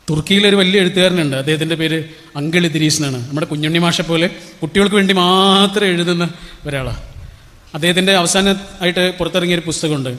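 A man's voice: on the high side, a bit bright. Storytelling man speaking in a reverberant hall. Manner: storytelling, rhetorical questions to the audience. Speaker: motivational speaker. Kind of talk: inspirational public speech.

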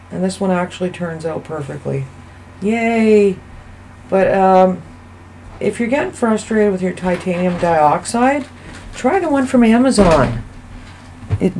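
A woman hosting a soap-making channel, giving a casual, chatty voice-over that rambles and thinks out loud as she goes. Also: medium pitch, a little hiss or hum, rough recording. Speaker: soap maker and channel host. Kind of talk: casual voice-over narration of a craft video.

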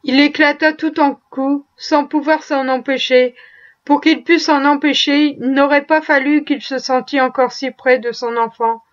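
A woman narrating a classic tale as an audiobook, with measured, expressive storytelling. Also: high voice, dull audio.

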